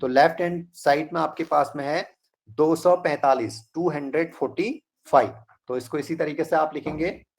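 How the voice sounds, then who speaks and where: A man teaching an online math class in a slow, deliberate way, reading out numbers digit by digit. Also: a little high.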